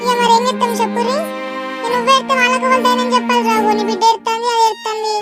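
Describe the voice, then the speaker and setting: Woman playing a wailing village farm mother with a very high voice. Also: flat delivery, very fast, over loud music. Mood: grieving. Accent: Telangana Telugu. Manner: wailing, lamenting. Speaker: farmer's wife. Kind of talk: village comedy-drama acting.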